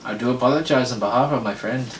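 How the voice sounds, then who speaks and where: A man's voice: medium pitch, fast talker, reverberant, recorded from a distance, slight background noise, close to an everyday voice, rough recording. A man voicing a polite, slightly apologetic male traveller with a slight Irish twang.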